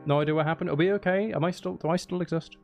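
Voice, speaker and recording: A man thinks aloud while composing music on a livestream, chatting casually and apologetically and interrupting himself. He is a live streamer and voice performer whose fairly high, gravelly voice races along with fairly even intonation over loud music.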